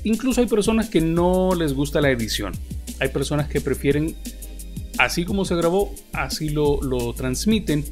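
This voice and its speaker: A man's voice: fairly high pitch, expressive, moderate pace, soft background music. A man teaching podcast editing, talking patiently with frequent hesitant fillers like "eh". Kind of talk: explanatory tutorial. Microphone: studio podcast microphone.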